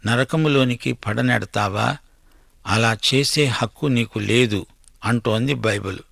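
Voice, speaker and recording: A man's voice: mid-range voice, gravelly, fairly bright tone, dry recording, clean studio sound. A man preaching a sermon, reading out Bible verses and then putting pointed questions straight to his listeners.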